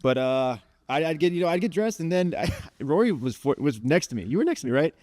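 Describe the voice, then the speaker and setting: A man's voice: fairly high pitch, big pitch swings, quick pace, darkish tone, dry recording. A man on a convention panel describing his routine on set, easygoing and chatty. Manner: easygoing, chatty, laughs between phrases. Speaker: panelist, costumed performer. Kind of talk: casual panel storytelling.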